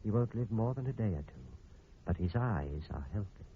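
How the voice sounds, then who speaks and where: A man's voice: lowish voice, animated, moderate pace, narrow, tinny audio, a little hiss or hum. An actor playing a cold, scheming male surgeon in a 1940s radio drama, heard over an old AM radio broadcast.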